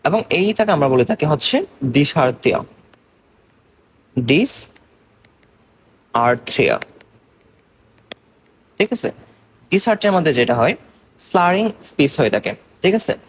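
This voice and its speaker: A young man from Bangladesh gives an exam-focused medical lecture, explaining step by step and slowly, mixing Bengali and English terms and often checking that students follow. His voice is a little high, very animated, and has a breathy edge.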